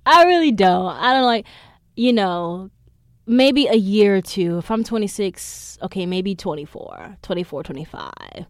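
A woman's voice: mid-range voice, lively intonation, a little slow, no echo. A woman in her twenties hosting a podcast, telling a story in a casual, blunt and profane way. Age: 20s. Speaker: podcast host. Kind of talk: casual chat.

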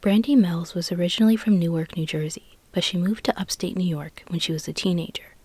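A woman hosting and narrating true crime from a script, in a serious, measured storytelling manner. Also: on the low side, mellow, breathy edge, dry recording.

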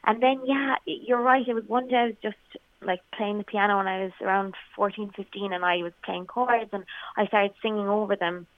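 She's a young adult singer-songwriter from Kerry in the west of Ireland, being interviewed and chatting casually with a Kerry accent. Her voice is mid-range and fairly even, her pace brisk, and the recording dry with a thin, phone-like radio call quality.

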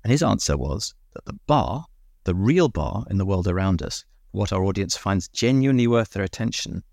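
A man hosting a podcast, reading a measured, reflective scripted summary with rhetorical asides. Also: deep voice, sing-song, creaky, darkish tone, no room sound, studio quality. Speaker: podcast host.

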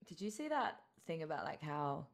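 A woman's voice: sits low, big pitch swings, moderate pace, vocal fry. A hungover woman co-hosting a podcast, telling rambling, giggly stories in casual comedic chat. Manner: giggly, rambling storytelling with dramatic quoted asides. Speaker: podcast co-host.

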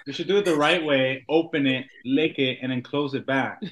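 A man's voice: medium pitch, fairly even intonation, moderate pace. A man in a casual podcast chat who shares trivia in an offhand way.

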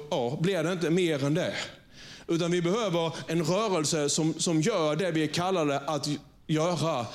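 Guy pastor giving a sermon in church, talks casual, keeps asking the crowd if they're with him. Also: fairly high pitch. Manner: conversational, asks the congregation for agreement; frequent restarts and repeated words. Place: church before a congregation.

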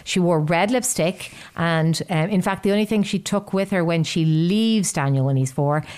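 A woman's voice: fairly low pitch, moderate pace, a little mellow, smooth. Chatty, wry woman discussing a book. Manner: chatty, wry, laughs often while telling the story. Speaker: podcast co-host discussing a novel. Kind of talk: casual book chat.

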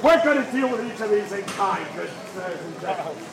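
A man playing a blustering kilted Scottish Highlander in a stage show, declaiming in mock-archaic renaissance fair speech with dramatic pauses. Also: lively intonation, vocal fry. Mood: indignant. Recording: distant, noisy outdoor fair crowd, echoey.

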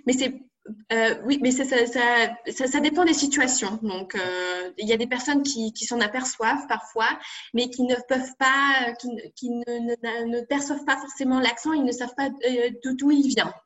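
A woman's voice: a little high, moderate pace, a bit bright. Hesitant young French woman interviewed. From France. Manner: hesitant, many fillers and restarts. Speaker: interview guest. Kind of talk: casual interview.

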